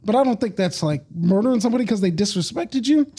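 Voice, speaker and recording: High-voiced laid-back young man chatting. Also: expressive, fast talker, mellow. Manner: laid-back, laughs often, many fillers. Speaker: podcast guest. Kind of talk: casual chat.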